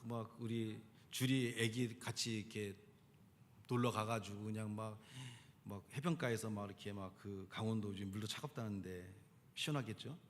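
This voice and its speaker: A man's voice: medium pitch, slight background noise. A male pastor giving a conversational sermon and leading the congregation to repeat phrases after him. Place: church sanctuary. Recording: long church hall reverb.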